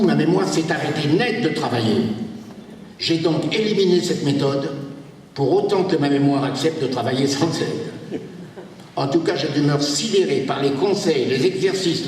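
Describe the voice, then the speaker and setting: A man's voice: a little high, a little mellow, slight background noise. A man giving a humorous ceremonial tribute speech, reading from a paper, sometimes stumbling, restarting and chuckling. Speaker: speaker inducting a new academy member. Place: reception hall at a ceremony. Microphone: handheld camera from the audience. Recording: echoey hall filmed from far off.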